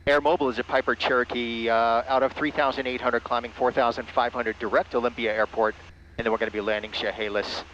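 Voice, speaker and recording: Over an aviation headset, a man who flies and operates ham radio gives terse procedural calls and describes his flight in a small airplane. He talks fast in a medium-pitched, level, fairly bright voice. The light engine drone and aircraft noise leave the cockpit audio muffled.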